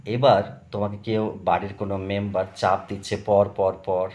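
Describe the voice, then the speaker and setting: A man's voice: on the low side, level tone, normal speed, a little mellow, a little hiss or hum. A man, teaching a grammar lesson in a chatty, digressive way and repeating terms for emphasis. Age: 50s. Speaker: tutor. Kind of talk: spoken English grammar lesson.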